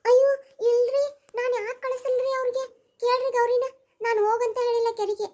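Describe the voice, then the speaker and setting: A woman's voice: level tone, quick pace, darkish tone. A woman voicing a scheming, quarrelsome stepmother with a North Karnataka accent in a cartoon. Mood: defensive. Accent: North Karnataka Kannada. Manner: shrill, defensive, name-calling.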